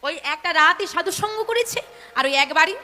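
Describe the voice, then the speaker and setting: A woman kirtan singer tells a devotional story in a high, bright voice and addresses the audience directly. Her voice rings out in a long-echoing hall, and faint music plays behind her. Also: animated, a little fast. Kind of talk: devotional sermon with chanting.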